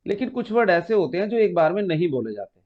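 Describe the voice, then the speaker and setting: A man's voice: high-pitched, big pitch swings, quick pace. A man teaching an exam-prep grammar lesson, patiently explaining step by step, repeating key terms and calling students "beta.". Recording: muffled lo-fi recording.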